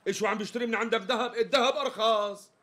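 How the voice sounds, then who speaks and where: An actor with a Syrian accent playing an exasperated customer who keeps pressing for the price. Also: male voice, sits high, fairly even intonation, very fast, bright, forceful tone. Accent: Syrian Arabic. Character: impatient male customer demanding the price.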